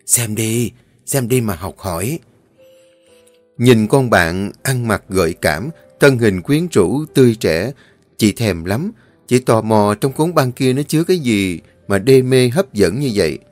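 A man's voice: mid-range voice, measured pace, no room sound. Man narrating a dramatic audio story. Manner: steady, earnest storytelling. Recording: dry close voice, faint music.

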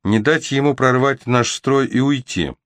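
A man voicing a calculating male army commander who lays out his plans in a measured, persuasive way. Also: medium pitch, a bit bright, dry recording, studio quality, voice pushed up, natural voice. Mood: calm.

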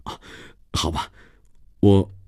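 A man's voice: very slow, mellow, no echo, clean studio sound. A male narrator voicing an earnest, naive young German musician who pleads eagerly for help.

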